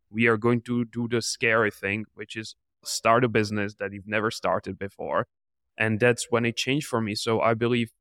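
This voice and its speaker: A man's voice: fairly low pitch, fairly bright tone, clean tone, dry recording, studio quality. A man in his twenties from the Czech Republic, an entrepreneur answering interview questions in an earnest, motivational way. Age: 20s. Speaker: podcast guest, entrepreneur.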